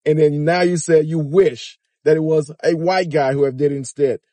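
A man's voice: a little high, steady tone, moderate pace, dark tone, dry recording. A middle-aged man giving informal commentary in a car, emphatic and challenging, with incredulous rhetorical questions. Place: inside a car.

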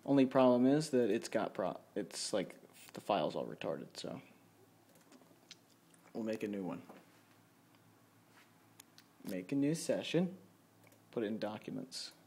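A man with a fairly low, gravelly, dark and slightly rough voice walks through his home studio setup off the cuff, joking at his own expense. He speaks a little slowly with lively intonation and long pauses. It's recorded on a handheld camera or phone mic in a dim room at his computer, with background music playing.

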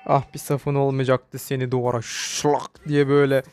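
A man commenting live on his own mobile game match, excitable and shouting in panic when chased. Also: medium pitch, moderate pace. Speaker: gamer streamer.

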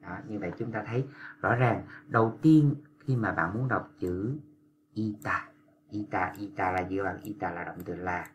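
A man's voice: sits low, a little hiss or hum. A man teaching Korean pronunciation, patiently repeating and drawing out syllables. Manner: patient, repetitive, drawn-out demonstrations of pronunciation. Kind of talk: explanatory lesson for language learners.

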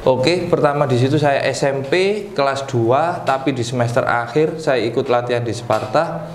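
A man, a PE teacher chatting as a guest in a relaxed, joking way. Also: mid-range voice. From East Java, Indonesia. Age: 30s. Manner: relaxed and joking, with pauses to recall. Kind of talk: casual interview chat. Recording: roomy echo, faint ambient noise.

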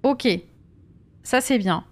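A woman's voice: high voice, takes it slowly. A woman chatting during a live gameplay stream, reacting to viewers' messages and sometimes slipping into English with a French accent.

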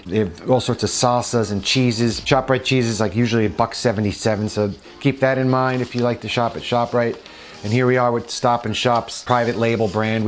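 Chatty, opinionated New Jersey man. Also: medium pitch. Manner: chatty and opinionated, with frequent restarts. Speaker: vlog host. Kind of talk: casual commentary on store flyers.

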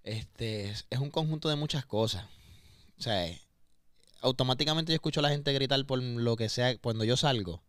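A Puerto Rican singer guests on a podcast in a studio, speaking Spanish with a Puerto Rican accent in a medium-pitched voice at a moderate pace. The candid interview is open and emotional, and he often repeats words while searching for them. The studio-quality recording has no echo.

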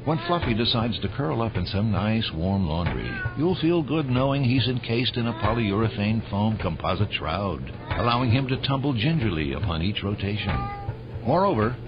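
A man reading a scripted radio ad as a mock-serious announcer, deadpan and formal. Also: fairly low pitch, normal speed. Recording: dull band-limited audio, music behind.

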